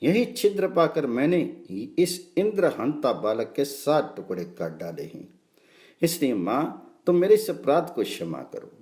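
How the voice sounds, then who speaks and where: A man's voice: medium pitch, big pitch swings, a little slow, a little mellow. A man reading the lines of the god Indra as a deferential son, in earnest recitation. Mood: apologetic. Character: king of gods Indra, respectful son.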